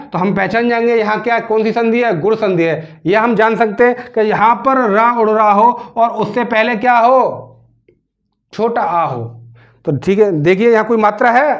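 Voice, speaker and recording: A man teaching a grammar lesson, asking questions and answering them himself and repeating words slowly as he spells them out. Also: high-pitched, fairly bright tone, highs cut off.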